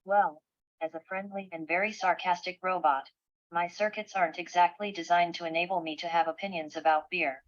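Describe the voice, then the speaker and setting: Female tts voice doing a sarcastic robot, flat robotic monotone, kinda low, muffled computer speaker sound. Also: a little fast. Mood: dry. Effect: synthetic text-to-speech voice. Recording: dull lo-fi playback from a computer.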